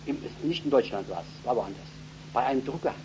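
Male revival preacher, live in front of a congregation: fervent, lively pitch, repeats phrases for force. Muffled old recording with light hum. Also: brisk. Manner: fervent, bursting into loud emphatic peaks.

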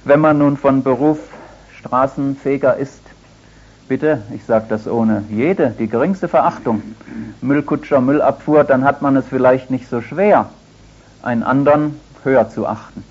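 An older man preaches a sermon in an easy, conversational, storytelling style, lacing his anecdotes with gentle, dry humor. His medium-pitched voice sits in an ordinary middle register at a measured pace. The sound is dull and lo-fi, like an old radio broadcast.

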